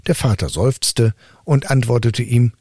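A man reading a fairy tale aloud with lively, expressive narration for an online listening room. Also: mid-range voice, a little slow, dry recording, clean studio sound. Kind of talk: storybook reading.

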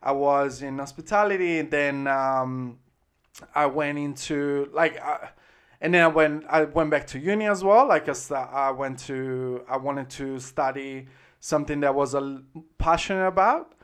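As an interview guest in Australia, this Italian-accented man from Italy, in his thirties, chats casually and rambles constantly. His voice sits fairly high and is a bit bright, clear, and resonant at normal speed, full of "like," "um," and frequent restarts.

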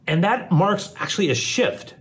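A man preaching a sermon. He swings from forceful emphasis to a soft, almost whispered hush, and he repeats his phrases. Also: high-pitched, animated, moderate pace, slightly rough. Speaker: pastor.

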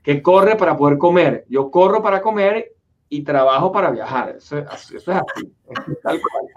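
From his Florida home office, a man hosts a relaxed conversational interview, speaking a little fast in a voice slightly high for a man. He rambles with frequent restarts and fillers. The recording sounds dull and lo-fi.

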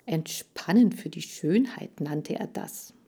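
A woman narrating a children's book aloud in the first person, lively in tone. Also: sits low, slow, creaky, breathy edge. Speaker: audiobook narrator.

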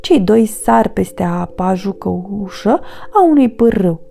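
A woman reading a children's storybook aloud in a gentle, expressive way. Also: mid-range voice, gravelly, soft background music.

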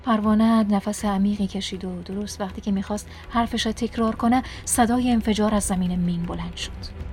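Expressive woman narrating a storybook. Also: mid-range voice. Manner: expressive reading, dropping to a whisper in sad passages. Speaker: book podcast host. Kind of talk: scripted audiobook narration.

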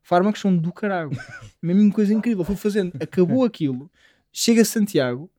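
Fast, mellow man. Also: high voice, lively intonation, a little hiss or hum. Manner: slangy, rambling, self-deprecating. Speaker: podcast co-host. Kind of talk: casual anecdote telling among friends.

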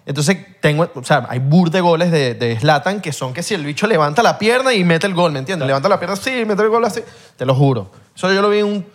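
Chatty podcast host. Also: male voice, on the high side, lively intonation, fast talker. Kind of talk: casual podcast chat.

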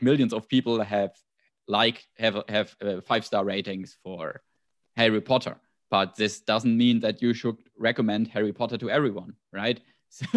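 A man with a German accent talks casually on a podcast, his voice sitting a little on the low side. He thinks out loud, restarting phrases and adding asides as he goes. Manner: thoughtful, frequent restarts and asides.

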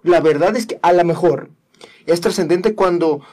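A man's voice: sits high, moderate pace, dark tone. A man with a Mexican Spanish accent hosting a casual talk show, rambling and preachy, full of hesitant fillers. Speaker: host.

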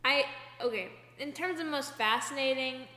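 A woman's voice: high-pitched, moderate pace, sharp tone. Chatty young woman in an echoey room. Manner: chatty, many fillers, rambling retellings. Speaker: podcast co-host. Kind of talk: casual chat. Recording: echoey room with long reverb, faint hum.

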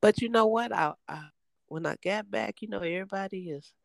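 A middle-aged woman telling her life story in conversation, emphatic and lively, acting out the voices of others. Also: medium pitch, fairly quick, creaky, no room sound, poor audio.

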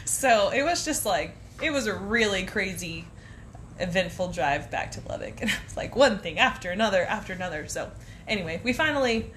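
A woman's voice: mid-range voice, lively intonation, brisk, fairly bright tone, a little hiss or hum. Rambling young woman telling travel stories. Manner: rambling, laughs often while telling stories. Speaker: podcast co-host. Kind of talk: casual storytelling chat.

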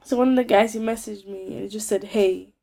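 A woman in her twenties with a London accent tells stories in a casual, animated chat, full of slang and repeated words for emphasis. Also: a little high, fast, vocal fry.

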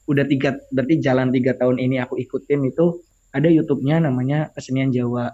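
A young man chatting casually as a guest on a podcast, playful and quick to laugh. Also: medium pitch, fairly even intonation, warm tone, highs cut off.

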